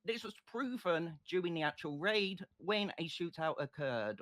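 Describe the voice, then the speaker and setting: A man playing a state prosecutor in an online courtroom role-play, making a passionate, deliberate closing argument. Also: a little high, expressive, fairly bright tone. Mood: firm, insistent.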